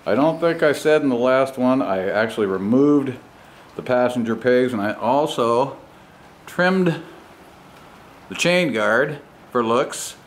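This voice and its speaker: A motorcycle vlogger and home mechanic walks around his custom bike work in a garage with the door open, commenting informally and unhurriedly in broken phrases with pauses. His voice is medium-pitched and expressive, recorded noisily on a handheld camera mic.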